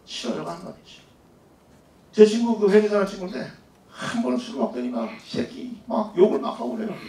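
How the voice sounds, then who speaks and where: A middle-aged man giving a public lecture, animated and asking the audience questions. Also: sits high, a little fast. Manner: animated, asks the audience questions, acts out quoted people. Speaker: guest lecturer. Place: lecture hall. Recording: echoey hall, distant mic.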